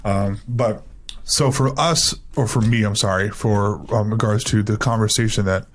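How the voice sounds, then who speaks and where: A young man from Miami talks in a casual podcast chat with a fairly low voice. He rambles through his stories and leans on filler words as he goes. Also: fairly even intonation, normal speed, slight background noise. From Miami, Florida. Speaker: podcast co-host.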